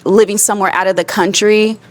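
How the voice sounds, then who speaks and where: A woman's voice: mid-range voice, steady tone, fairly quick. A woman in her thirties, a dating show contestant, answering in an open, rambling way. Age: 30s. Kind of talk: casual chat.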